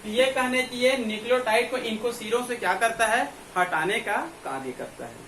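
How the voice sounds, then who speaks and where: A man's voice: very high-pitched, moderate pace, pushed and bright. Man lecturing in an echoey classroom. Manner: repetitive, asks and answers own questions. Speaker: biology teacher. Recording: echoey room, mic far off, faint hum.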